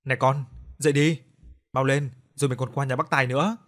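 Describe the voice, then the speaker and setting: A man voicing a composed middle-aged mother who speaks gently and practically to her daughter and to a grieving friend. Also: medium pitch, fast, slightly rough, natural voice. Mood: urging. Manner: soothing, steady.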